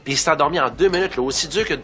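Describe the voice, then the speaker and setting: An actor with a Quebec French accent playing a wry, sarcastic young father in a sitcom. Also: fairly high pitch. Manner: quick, sarcastic comic delivery. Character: wry, fast-talking young dad. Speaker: father seeking a babysitter. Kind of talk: sitcom acting. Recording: loud background noise.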